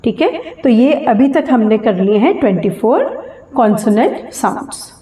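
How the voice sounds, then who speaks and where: A woman with an Indian accent teaching English phonetics, slowly sounding out each example word. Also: on the high side, very animated, mellow. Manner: slow, drawn-out sounding of example words. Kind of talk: classroom lesson mixing Hindi and English. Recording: echoey room with long reverb.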